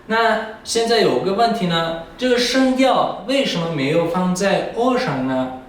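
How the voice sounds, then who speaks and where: A man teaches a language lesson slowly and deliberately, stretching out each syllable for his students to repeat and pausing often to hesitate. His voice sits a little high and sounds far from the microphone. It rings out in a very echoey room. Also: animated. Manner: slow, deliberate drilling of tones and syllables with frequent hesitations. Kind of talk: recorded university language lesson.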